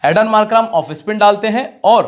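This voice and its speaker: A man with a fairly high voice talks straight to his viewers in a loose, chatty way. He runs through scores and player stats one after another, mixing in his own opinions. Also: normal speed. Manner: chatty, direct address to viewers, rattling off stats. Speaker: fantasy cricket predictor. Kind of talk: casual cricket prediction talk.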